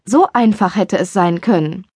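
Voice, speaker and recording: A woman's voice: mid-range voice, moderate pace, warm tone, breathy edge, no room sound, clean studio sound, natural voice. A woman doing an eager young best friend. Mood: eager, pouting.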